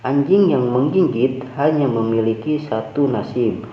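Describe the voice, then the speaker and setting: A man's voice: mid-range voice, unhurried, close to an everyday voice. Brief: man doing icy vengeful young hero from a comic recap, scornful, roomy dull sound. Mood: contemptuous. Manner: contemptuous, threatening. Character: young male cultivator, cold, vengeful.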